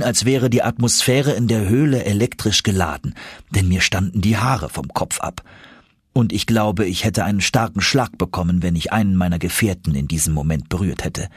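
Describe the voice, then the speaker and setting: Narrating an adventure audiobook, a man delivers dramatic scripted lines in an expressive, suspenseful way. His fairly low voice is noticeably husky, and the recording is close and very dry, with no room sound.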